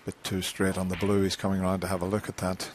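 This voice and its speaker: A man giving hushed live snooker commentary in a measured, understated way, with unhurried phrasing. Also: low-pitched, monotone. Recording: live broadcast with faint arena noise.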